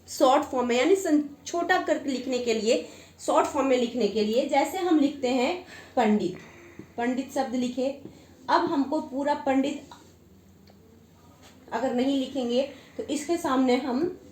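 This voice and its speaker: High-voiced woman teaching in an echoey room. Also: a little mellow. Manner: explains slowly with many repetitions. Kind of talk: Hindi grammar lesson.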